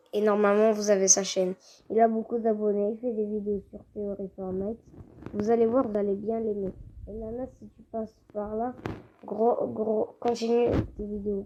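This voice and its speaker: A woman doing casual gameplay commentary, excitable and quick to gripe and exclaim at the game. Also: mid-range voice. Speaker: gaming video creator. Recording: noisy home recording with clicks.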